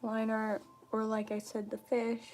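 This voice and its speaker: Slow-talking woman muttering to herself. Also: on the high side, monotone, darkish tone. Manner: mutters and repeats phrases to herself as she writes. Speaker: livestreamer. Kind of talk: casual livestream chat while writing a script.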